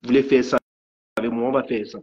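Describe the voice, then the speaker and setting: A man's voice: medium pitch, steady tone, quick pace, heavy background noise. A man ranting angrily on a live stream, stammering and repeating his threats. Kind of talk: angry live rant. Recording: dull lo-fi stream audio.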